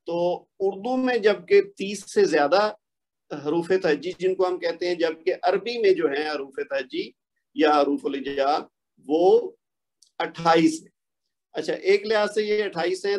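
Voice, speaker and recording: Man, patient lesson teacher, slightly high voice, recites letters slowly one by one. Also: darkish tone, low-quality recording. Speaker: Quranic Arabic teacher. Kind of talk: explanatory lesson.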